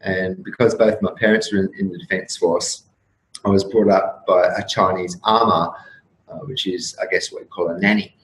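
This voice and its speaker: A man in his fifties, a guest on an interview show, musing in a rambling, reflective way with frequent restarts and soft laughs. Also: deep voice, steady tone, normal speed. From Australia. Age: 50s. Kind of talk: casual interview talk. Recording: roomy echo with faint room noise.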